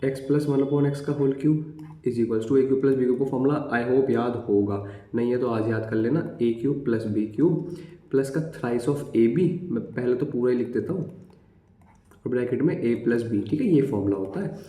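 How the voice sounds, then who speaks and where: A man's voice: mid-range voice, unhurried, warm tone, echoey room. A man teaching an exam-prep maths lesson in a conversational way, counting digits aloud and checking in with his students constantly.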